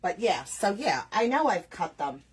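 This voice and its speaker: Husky New York woman chatting while crafting. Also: medium pitch, very animated, moderate pace. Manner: chatty, scattered, self-deprecating, reads viewer names aloud. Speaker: crafting livestream host. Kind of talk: casual chat with live viewers while crafting.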